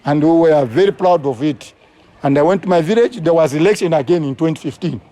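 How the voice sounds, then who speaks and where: A man's voice: a little high, brisk, dark tone. A Zambian man, a community conservation coordinator, recounting his story earnestly in an interview. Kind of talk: interview recollection.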